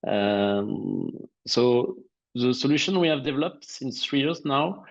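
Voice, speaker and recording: A man with a French accent presenting on a webinar, speaking carefully and slowly in English with many pauses and filler sounds. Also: mid-range voice, animated, gravelly. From France. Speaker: webinar speaker, company co-founder. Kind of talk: presentation on a video call. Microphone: video call. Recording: dull lo-fi call audio.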